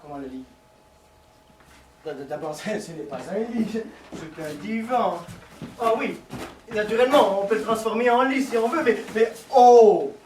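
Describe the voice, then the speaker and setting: The actor's voice sits high and darkish at a measured pace, pleading as a lovesick man on the phone with his lover. He stammers and plays it theatrically for a live comedy audience. The recording is echoey and far off, with a little background noise.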